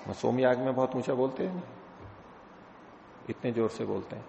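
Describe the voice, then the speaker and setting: A man's voice: mid-range voice, animated, normal speed, gravelly, dark tone, slight background noise. A man teaching scripture in a lecture, explaining step by step, asking rhetorical questions, and chanting Sanskrit verses between explanations. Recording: echoey hall, dull lo-fi sound.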